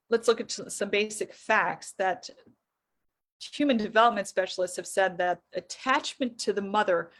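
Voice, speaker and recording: A middle-aged woman giving an earnest, explanatory faith-based teaching talk on psychology, asking her listeners rhetorical questions. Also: mid-range voice.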